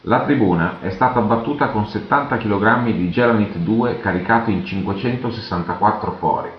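A man giving a measured, matter-of-fact scripted narration for a technical documentary. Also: on the low side, a little hiss or hum. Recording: echoey, dull lo-fi voice-over.

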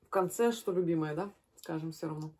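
A woman's voice: low voice, brisk, a little mellow. A woman in her thirties chatting casually as a mukbang host, talking while she crunches chips and snacks. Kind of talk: casual chat while eating. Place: small furnished room at home. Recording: clear background noise and clicks.

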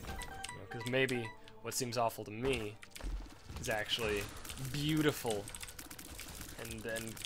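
This let's play commentator, a man of twenty-one with a sore throat, talks slowly in a steady, mid-range voice with long pauses while music plays in the background. His casual gameplay commentary is rambling and self-deprecating, with the odd curse aimed at the game.

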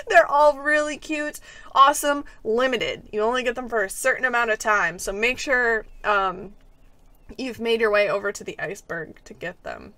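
A woman's voice: high voice, pushed and bright, no echo. A young adult woman giving casual, giggly, enthusiastic commentary as she plays a video game. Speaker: host of a video game play-through.

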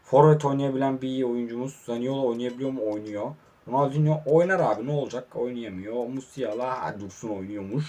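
A young man commentating his own online football game, talking to the players on screen and swinging from low mutters to excited shouts. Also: fairly quick, hardly any pauses.

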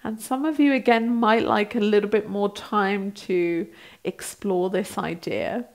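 Woman gently guiding a breathing practice. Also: medium pitch, fairly even intonation. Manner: gentle, unhurried guiding with pauses. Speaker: breathwork and yoga instructor. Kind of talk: guided breathing practice instruction. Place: small bright indoor room, seated on a mat.

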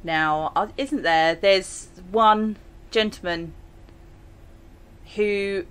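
A woman's voice: medium pitch, very slow, clean tone. A young English woman casually commenting as she plays a video game, chatty and exclamatory, often breaking into laughter. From England. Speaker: gaming channel host. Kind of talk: let's play commentary.

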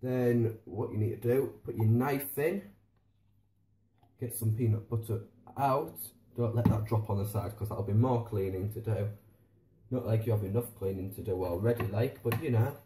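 A man's voice: fairly low pitch, normal speed, echoey room, background noise. A man casually vlogging in his home kitchen, rambling and chatty, filmed on a tripod camera. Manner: rambling, chatty and self-mocking. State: slightly out of breath. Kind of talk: casual how-to vlog.

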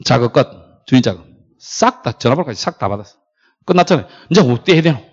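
A man's voice: mid-range voice, fast talker, slightly rough. A middle-aged man lecturing on factory brokerage, telling stories and acting out quoted lines. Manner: animated storytelling, acts out quoted dialogue. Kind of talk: classroom lecture with anecdotes. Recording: dull lo-fi lecture recording.

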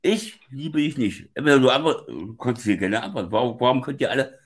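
A man's voice: medium pitch, animated, fairly quick. A man hosting a stream, demanding answers in a heated, crude argument over a voice call. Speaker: stream host.

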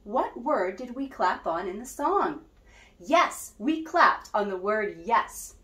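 A woman's voice: medium pitch, animated, slow, sharp tone. A woman music teacher leading a children's lesson, cheerful and guiding with call-and-response. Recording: roomy echo.

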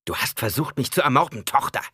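A man's voice: mid-range voice, expressive, moderate pace, a bit bright, dry recording, voice pushed up. A proud, scornful noblewoman with a cutting, commanding tongue, voiced by a man. Her lines sit well above his usual register and rise and fall widely. The sound is close and dry, with no room around it. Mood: accusing.

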